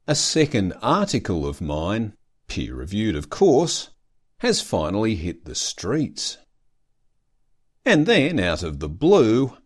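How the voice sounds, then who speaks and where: A man with a deep, low voice narrates his podcast from a script. His intonation rises and falls in a lively way, and his humor is dry and self-mocking. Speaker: podcast host, doctoral student.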